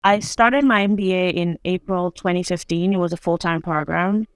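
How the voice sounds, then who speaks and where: A woman from Nigeria, a guest on a video call, telling her story in a relaxed, chatty way. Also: fairly low pitch, normal speed, clear, resonant tone, dry recording, studio quality. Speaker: guest entrepreneur. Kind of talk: casual interview.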